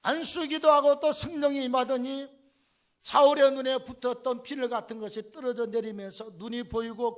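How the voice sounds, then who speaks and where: A pastor delivering a sermon with fervent, emphatic preaching. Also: male voice, very high voice, fairly bright tone.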